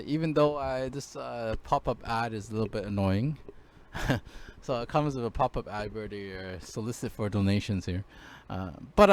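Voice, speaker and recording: A man's voice: mid-range voice, clear, resonant tone. A man teaching a casual screen-share language lesson, hesitant, with many fillers and restarts.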